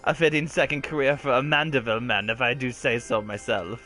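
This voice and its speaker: A man voicing a pompous, self-assured gentleman father with artistic airs in a game. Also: mid-range voice, fairly even intonation, a little fast, soft background music, close to an everyday voice. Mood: self-satisfied. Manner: pompous, formal.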